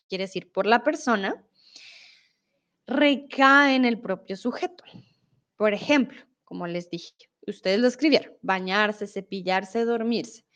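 Her voice sits a little high and she talks slowly, patiently walking through each point of a Spanish lesson on a live stream. She is a young woman from Colombia with a Bogotá accent, and at times she stops to read viewer chat comments aloud.

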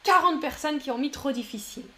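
A woman teaching French on a live stream, reading out viewers' chat answers and praising them warmly. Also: sits high, fairly quick. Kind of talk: live-streamed language lesson.

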